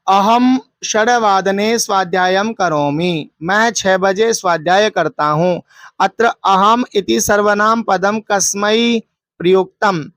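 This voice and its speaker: A woman Sanskrit teacher going through an exam paper, posing questions and answering them herself, and chanting verses slowly. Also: medium pitch, no room sound. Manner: asks and answers her own questions; recites verses in a slow chant. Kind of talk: exam paper walkthrough lesson.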